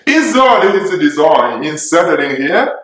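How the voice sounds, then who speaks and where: A man's voice: on the high side, big pitch swings, takes it slowly, fairly bright tone, exaggerated voice. A man playing a teasing, sarcastic middle-aged husband and father in a theatrical dramatic reading of a classic novel. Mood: mock-innocent, teasing. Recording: echoey room.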